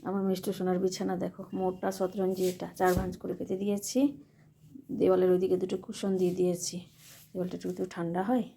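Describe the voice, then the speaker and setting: A woman's voice: on the low side, little pitch movement, fast talker, creaky, dark tone, slight background noise. A woman chatting casually in a home vlog, explaining things as she shows them around her house. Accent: Bengali. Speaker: vlogger.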